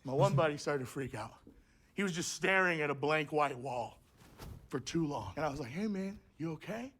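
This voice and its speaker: A male stand-up comedian with a high, bright voice tells stories of his own misadventures. He is animated and breaks into loud, shouted character voices for the punchlines. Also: normal speed, slight background noise. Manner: animated, bursts into shouted impressions. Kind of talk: stand-up storytelling.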